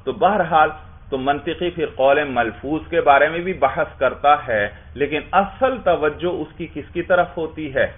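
A man teaching a class, explaining step by step and asking his students questions that he then answers himself. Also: on the high side. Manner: explains with repeated questions and answers, often adds "bhai". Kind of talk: classroom lecture. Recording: tinny phone-like sound.

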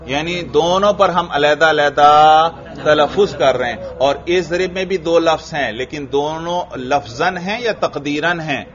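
Man, teacher, classroom grammar lesson, quizzes students, slightly high voice, muffled lo-fi audio. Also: a bit bright. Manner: questioning students, repeating answers. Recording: dull lo-fi recording.

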